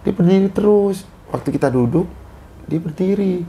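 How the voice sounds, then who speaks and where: A man tells his story in a relaxed, conversational way, words coming in short bursts. His voice is dark and mellow, and a faint background noise runs under the recording. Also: high-pitched, normal speed, vocal fry. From Indonesia. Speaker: guest storyteller. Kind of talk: casual storytelling chat.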